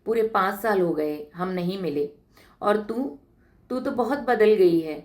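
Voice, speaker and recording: A woman's voice: mid-range voice, animated, unhurried, darkish tone, close to an everyday voice. A woman voicing an affectionate young village woman back from college, in a read-aloud story.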